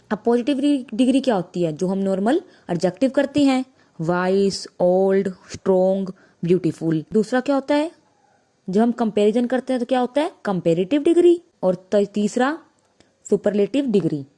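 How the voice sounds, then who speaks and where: A woman teaching a grammar lesson, slowly explaining and asking and answering her own questions. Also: mid-range voice, dark tone.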